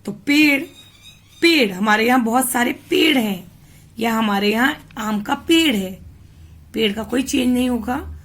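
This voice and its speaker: A woman tutor from India going through a grammar worksheet, reading words out slowly one by one. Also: fairly high pitch, a bit bright. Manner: slow, deliberate, spells words out one by one. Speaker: home tutor. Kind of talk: explaining a worksheet.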